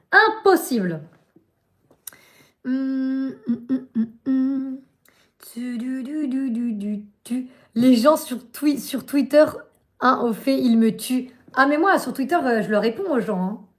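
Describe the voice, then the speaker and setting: Young woman, high voice, casual live-stream chat, slangy ranting, from her bedroom. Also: a little slow. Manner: chatty, ranting, slangy, lots of tag "hein".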